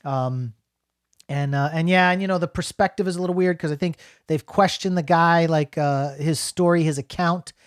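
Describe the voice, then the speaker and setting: A man's voice: fairly high pitch, moderate pace, clear, resonant tone, no room sound, clean studio sound. A middle-aged man from New Jersey giving a casual, rambling spoken film review, full of fillers and restarts.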